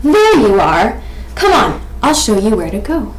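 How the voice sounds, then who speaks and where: A woman's voice: mid-range voice, very animated, unhurried. A woman voicing a gushing, reassuring female school principal from a children's storybook. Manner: effusive, exclaiming. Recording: echoey room with background noise.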